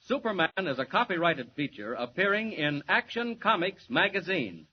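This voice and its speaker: A male announcer narrating a 1940s radio serial with dramatic, booming cliffhanger delivery. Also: sing-song, normal speed, lo-fi sound, slight background noise.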